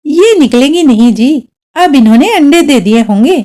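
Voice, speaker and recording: A woman's voice: high voice, expressive, normal speed, dark tone, voice pushed up. A woman voicing a middle-aged mother who teases her husband with sarcastic, amused remarks. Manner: sarcastic, mocking.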